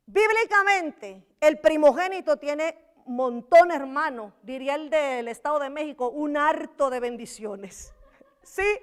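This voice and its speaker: A high-voiced woman pastor delivers a lively sermon. She acts out the voices from Bible stories and keeps calling her listeners brother. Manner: animated preaching, acting out Bible voices, addressing listeners as brother.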